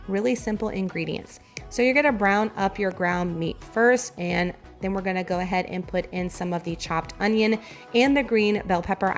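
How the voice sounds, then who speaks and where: Southern us lady doing chatty meal prep voiceover, voice hoarse n giving out, bit creaky, music behind. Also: medium pitch. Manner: chatty, enthusiastic, addresses viewers directly. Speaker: home cooking vlogger.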